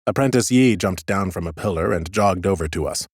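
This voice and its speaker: A male audiobook narrator reads scripted fantasy fiction in the first person, his low, husky voice recorded close and dry with no room sound. His delivery is that of a measured storyteller.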